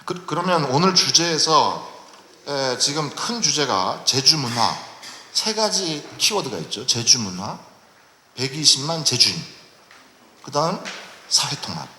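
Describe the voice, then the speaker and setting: A middle-aged man from Jeju moderating a public forum in a formal, halting manner, with many pauses. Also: mid-range voice, sing-song, bright, forceful tone. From Jeju, South Korea. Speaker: panel moderator. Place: large lecture hall at a public forum. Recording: echoey hall recording with faint noise.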